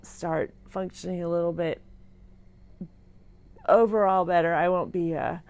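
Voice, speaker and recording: A middle-aged woman speaks from a hospital room, weak and drowsy after surgery. Her voice sits slightly low and has a lot of vocal fry. She talks in a halting, sincere ramble, as in a personal livestream, and sometimes trails off. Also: steady tone, a little mellow, no echo. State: weak and groggy after surgery, on pain medication. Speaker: vlogger sharing a personal update.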